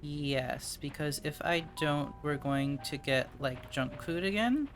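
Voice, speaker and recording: A streamer talks through a game at an unhurried pace, chatty and quick to exclaim at finds. The pitch sits mid-range. Faint game music plays underneath. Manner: chatty, exclaims at discoveries, greets viewers. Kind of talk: casual game commentary.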